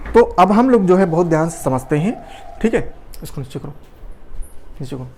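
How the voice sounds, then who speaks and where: A man's voice: a little high, expressive, moderate pace, slight background noise. A man lecturing a class, repeating key terms, asking rhetorical questions and often checking that students follow. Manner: shifts loudness and speed to demonstrate. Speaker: teacher.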